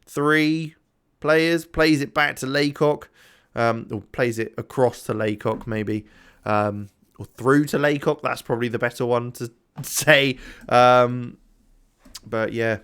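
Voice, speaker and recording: Slow and steady, his medium-pitched voice comes across fairly bright, clear and resonant. The tired, yawning gaming YouTuber rambles through casual commentary on his own game, talking to himself and filling gaps with many ums.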